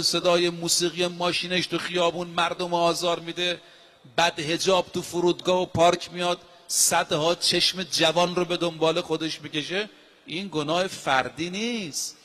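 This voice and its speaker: A man's voice: on the high side, level tone, bright, forceful tone. A male preacher giving a sermon, emphatic, with rhetorical questions and repeated phrases. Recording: long hall reverb.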